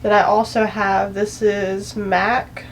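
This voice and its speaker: A young woman talks her way through a makeup tutorial at home in a chatty, rambling, self-deprecating way. She sounds anxious and slightly out of breath, and her voice sits at an average pitch. Faint household noise hums behind her. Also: little pitch movement, slow pace, rough recording. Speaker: beauty vlogger.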